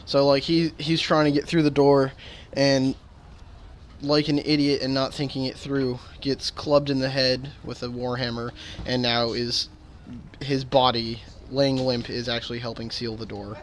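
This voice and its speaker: A man narrating as dungeon master in a casual tabletop game, with halting restarts and filler words. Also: medium pitch, flat delivery, slight background noise.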